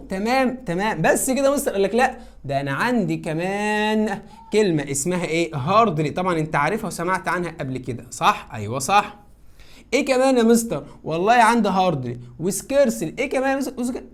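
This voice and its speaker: Egyptian woman teacher, drilling a grammar lesson with coaxing repeated cues. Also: mid-range voice. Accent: Egyptian Arabic. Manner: coaxing, repeats cues and answers her own questions. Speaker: English teacher.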